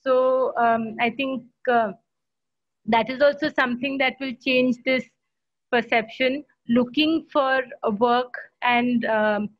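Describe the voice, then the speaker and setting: A woman in her thirties with an Indian English accent, speaking as a panelist in an online discussion, pausing often with fillers and restarts. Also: a little high, fairly even intonation, dry recording. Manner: hesitant, many fillers and restarts. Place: home room. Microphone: laptop webcam on a video call. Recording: muffled video-call audio.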